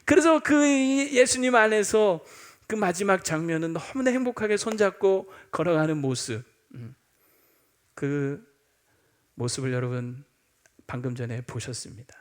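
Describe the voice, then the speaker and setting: A man's voice: sits high, a little slow. A male senior pastor delivering a Sunday sermon, speaking earnestly and directly to his congregation.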